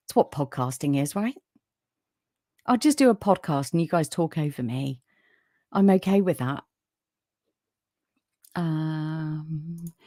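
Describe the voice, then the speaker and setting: A woman with a soothing, low-pitched voice hosts a casual livestream podcast, chatting warmly with viewers and reading out their comments. She uses lots of fillers. The recording is dry, with clean studio sound.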